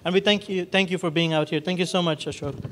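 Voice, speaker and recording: A man's voice: sits high, steady tone, fast talker, a little hiss or hum. A man in his thirties hosting a college event on a handheld microphone in a large hall, speaking off the cuff with many restarts and fillers. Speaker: event host. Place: large hall with red walls and a projection screen.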